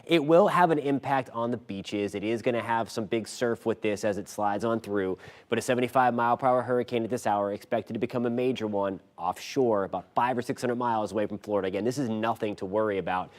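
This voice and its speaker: A man's voice: fairly low pitch, quick pace, hardly any pauses. An American man delivering a live local TV weather forecast in an informal, folksy, conversational way.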